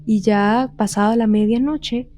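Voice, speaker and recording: A woman's voice: on the high side, steady tone, measured pace, warm tone, no echo. A woman casually retelling a ghost story on a podcast. She rambles and keeps repeating "he told me.".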